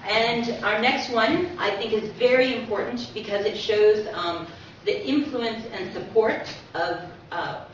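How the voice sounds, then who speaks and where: A guest speaker with a fairly high-pitched voice presents a book at a measured pace, barely pausing. Her talk is a casual lecture sprinkled with asides and sayings she reads aloud. The sound comes from a distant mic in an echoing community-centre room and is muffled and noisy.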